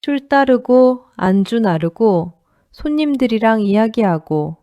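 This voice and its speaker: A woman reading as a young daughter-in-law, tearful but firm, whose voice trembles as she pleads. The tone is warm and mellow in a dry, close storybook read. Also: fairly high pitch, lively intonation, measured pace, no room sound. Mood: pleading.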